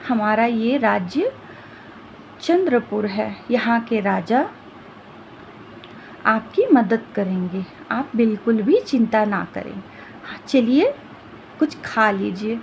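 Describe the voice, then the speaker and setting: Woman doing a soft-spoken noble young lady, formal, reassuring, slightly high voice. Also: lively intonation, slow, creaky, pauses often, slight background noise, heavily acted. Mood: soothing. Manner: soothing, polite, formal reassurance. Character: gentle young princess-like woman of a golden kingdom.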